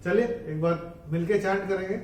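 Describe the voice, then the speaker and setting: Man, chanting teacher, measured explanations, high voice, echoey room, set back from the mic. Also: fairly even intonation, recorded from a distance, slight background noise. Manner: measured explaining, breaking into slow, louder chanted verses. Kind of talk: bilingual tutorial on chanting verses.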